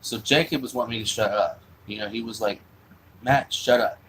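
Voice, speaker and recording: A man's voice: lowish voice, quick pace, sharp tone, slight background noise, rough recording. A young man telling a long personal story in a rambling, profane, casual way. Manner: rambling, profane, full of fillers and restarts.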